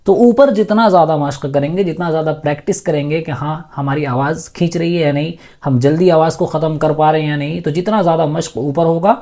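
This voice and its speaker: A man teaching Quran reading, slowly spelling out letters syllable by syllable and then joining them. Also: fairly high pitch, dark tone. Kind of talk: step-by-step reading lesson.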